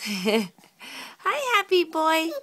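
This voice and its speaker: A woman's voice: high voice, big pitch swings, extremely slow, a bit bright. A young woman talking to her baby at home in a sing-song baby-talk voice, filmed on a handheld phone. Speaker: parent filming her baby. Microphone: handheld phone camera.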